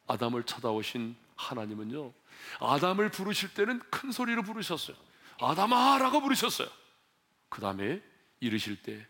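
A male pastor preaching a sermon, building to loud emphatic peaks and then dropping low and soft, asking questions and leading the congregation in reading.

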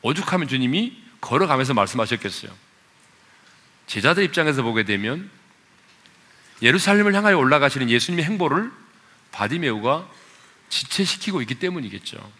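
A male pastor preaching a sermon with passion, climbing to loud appeals, then dropping to quiet asides and questions for the congregation. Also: mid-range voice, sing-song, fairly quick, long pauses, breathy edge. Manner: asks the congregation questions and leads them in reading.

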